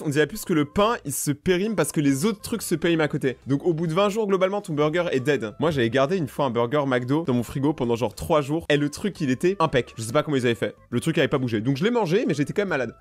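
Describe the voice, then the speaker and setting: A young man hosting a reaction video, joking and talking straight to his viewers. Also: fairly high pitch. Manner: jokey, animated, addressing viewers directly. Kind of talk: casual reaction commentary.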